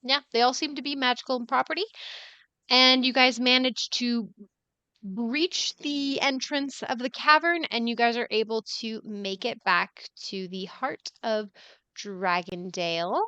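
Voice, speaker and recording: A woman narrating as dungeon master on a tabletop game stream, halting with fillers and frequent laughs. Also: on the high side, steady tone, bright, forceful tone, clear, resonant tone, dry recording, lo-fi sound.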